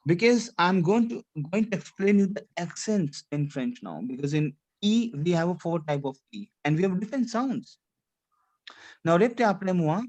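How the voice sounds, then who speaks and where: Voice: mid-range voice, lively intonation, normal speed, a little mellow. Teacher mixing English and French. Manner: repeats phrases, checks understanding with "C'est clair? D'accord?"; mixes English with French phrases and a little Hindi. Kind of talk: online language class.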